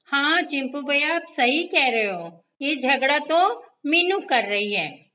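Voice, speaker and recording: A woman putting on a stubborn little storybook cat who protests in a loud, shrill voice. The tone is bright and high, well above the woman's usual talk. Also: animated, slow, far from the mic, exaggerated voice. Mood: protesting. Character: clever young female cat, stubborn.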